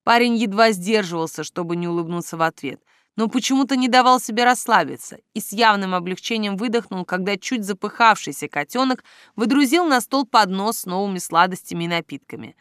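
A woman's voice: mid-range voice, lively intonation, a little fast, fairly bright tone, smooth, no room sound, studio quality. A woman narrating a first-person audiobook with a playful, teasing manner.

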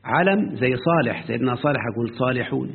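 A man's voice: medium pitch, lively intonation, vocal fry, slightly rough. A man with an Egyptian Arabic accent teaching a grammar lesson, often quizzing his student as he explains. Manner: questioning the student often, drawn-out quoting. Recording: tinny lo-fi phone-like line.

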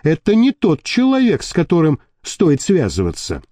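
A man's voice: a little high, huge pitch swings, normal speed, dark tone, no room sound, clean studio sound, pitched above the performer's own voice. Man voicing a cautious, deferential sergeant. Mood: wary. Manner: cautious, wary.

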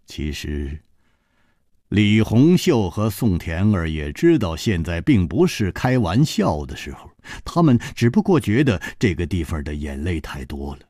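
A man's voice: deep voice, husky, no room sound, clean studio sound. A man reading a martial-arts novel aloud in radio storytelling style, acting out every character. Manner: expressive, acting out many characters. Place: studio. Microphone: studio mic.

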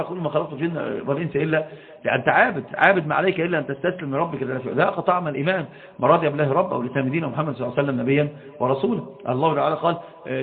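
Male lecturer, quick and rather high-voiced, rhetorical questions and stumbles, thin phone-line sound. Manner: asks the audience rhetorical questions; frequent restarts and drawn-out hesitations. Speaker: Islamic lecturer. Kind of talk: religious lecture. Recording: tinny phone-like audio.

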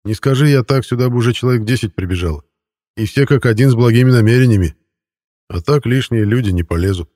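A man's voice: mid-range voice, fast, mellow, no echo, clean studio sound, close to an everyday voice. A male narrator voicing a stern, commanding police colonel who scolds and gives orders in an audiobook. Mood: dry. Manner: stern and reproachful.

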